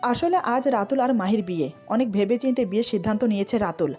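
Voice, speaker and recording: A woman narrating a romantic story and reading every character's lines in the same even voice. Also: on the high side, fast talker. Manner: reads all characters in one even voice. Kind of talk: scripted narration. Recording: slightly dull audio with faint background music.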